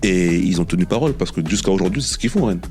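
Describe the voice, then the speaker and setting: A former professional footballer chatting as a guest, telling animated anecdotes and repeating himself often. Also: male voice, low-pitched, fast, faint music behind. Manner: animated anecdotes with many repetitions and "tu vois". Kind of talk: casual storytelling interview.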